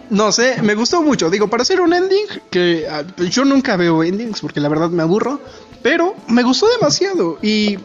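Man, high voice, animated rambling anime recap, dull audio with faint music behind. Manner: animated, rambling, self-deprecating. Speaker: podcast co-host. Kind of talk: casual chat recapping an anime episode.

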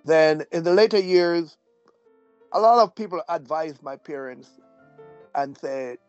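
A man from Jamaica with an announcer-like voice, telling his life story as a guest in a measured, gently humorous way. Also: on the high side, expressive, clear, resonant tone, faint music behind. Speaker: guest, deacon. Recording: dull, dry audio.

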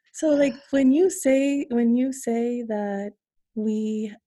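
A woman with a mellow, warm voice talks about her research in a relaxed conversational interview. She speaks earnestly and keeps breaking into light laughter between her points. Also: on the high side.

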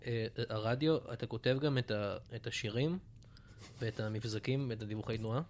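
A man co-hosting a podcast, asking a question in a hesitant, halting way. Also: on the low side, a little mellow. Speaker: podcast co-host. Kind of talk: casual chat.

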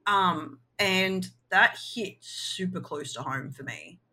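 A woman's voice: on the low side, slow pace, pushed and bright. A woman co-hosting a casual podcast chat, frank and full of fillers. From Australia. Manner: chatty, filler-heavy, frank. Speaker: podcast co-host.

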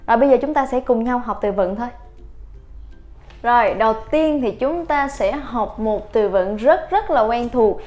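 A woman teaching a vocabulary lesson, a little hoarse from a coming cold, repeating each word several times. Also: fairly high pitch, lively intonation, normal speed, warm tone. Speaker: Thai language teacher. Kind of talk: slow, patient vocabulary lesson.

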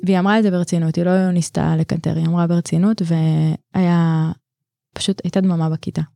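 Low mellow-voiced woman teacher, earnest storyteller. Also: level tone, vocal fry, no echo, clean studio sound. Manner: warm, earnest, thoughtful, with frequent restarts and soft laughs. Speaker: teacher, podcast guest. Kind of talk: reflective storytelling in conversation.

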